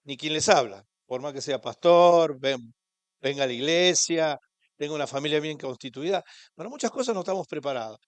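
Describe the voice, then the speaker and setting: A high-voiced man with an Argentine Spanish accent, preaching in church as a pastor. His delivery is impassioned and climbs on each rhetorical question. The sound is dry and close, with little room echo. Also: lively intonation, brisk. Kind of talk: sermon.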